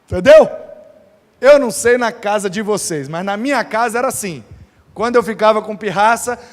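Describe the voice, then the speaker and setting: A pastor preaching a sermon, emphatic and dramatic with humorous touches. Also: male voice, high-pitched, brisk. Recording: reverberant church hall.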